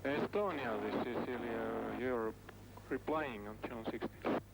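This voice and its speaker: A man's voice: medium pitch, a little slow. Man on very noisy marine radio. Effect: marine radio transmission. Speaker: ship's officer answering a distress call.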